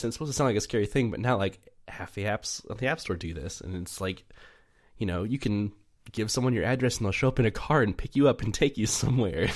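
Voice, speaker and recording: Young man, very low voice, podcast co-host, rambling casual chat, laughs a lot. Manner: rambling, laughs often, many fillers.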